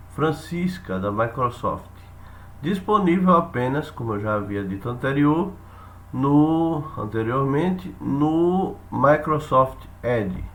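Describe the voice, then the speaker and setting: A man with a Brazilian accent explaining software step by step, haltingly, repeating phrases and checking in with listeners. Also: mid-range voice. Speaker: instructor demonstrating software. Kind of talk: spoken tutorial, explaining step by step.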